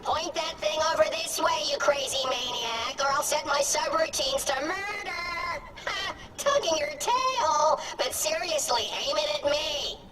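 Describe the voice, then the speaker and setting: A cheerful female robot memory packing a murder turret, her robotic voice high and swinging widely as she chatters. She sounds eager and apologetic. Her voice sits a little distant, with loud game music playing behind it. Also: expressive, a little slow. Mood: playful. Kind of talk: video game dialogue.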